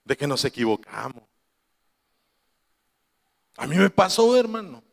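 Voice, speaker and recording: A man preaching to his congregation in a high voice, with lots of reverb trailing after each phrase. He tells stories and acts out the people he quotes, with laughing asides in between. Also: very animated, a little slow, creaky. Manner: storytelling, quoting his mother, laughing asides. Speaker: pastor. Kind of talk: sermon.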